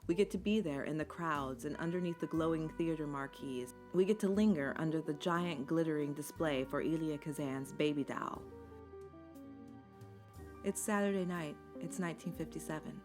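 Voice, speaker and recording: Low-voiced woman narrating a documentary over music. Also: moderate pace, darkish tone. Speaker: video essay narrator. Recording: music bed under the voice. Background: instrumental music.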